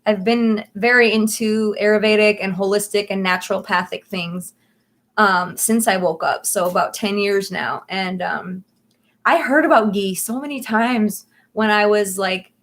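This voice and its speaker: A woman's voice: medium pitch, unhurried, fairly bright tone. Chatty woman in her thirties rambling. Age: 30s. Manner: chatty and rambling, laughs often. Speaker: livestream host. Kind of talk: casual livestream chat.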